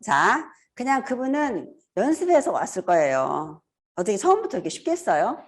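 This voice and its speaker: A woman in her fifties giving a casual seminar talk, animated and laughing often as she acts out greetings. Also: medium pitch, normal speed. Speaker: seminar speaker.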